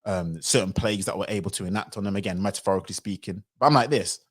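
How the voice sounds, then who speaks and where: A man giving animated livestream commentary, sometimes acting out other people's voices. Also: low voice, fast, breathy edge. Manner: animated, acts out quoted voices.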